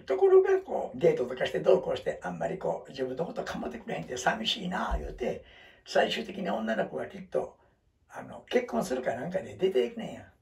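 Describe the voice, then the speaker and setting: A man's voice: mid-range voice, wildly swooping pitch, fast talker, vocal fry, far from the mic. A man in his seventies with a Kansai accent, talking to viewers in a rambling, self-deprecating, casual monologue. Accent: Kansai Japanese. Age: 70s. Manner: chatty, rambling, self-deprecating, jokes and laughs. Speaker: vlogger.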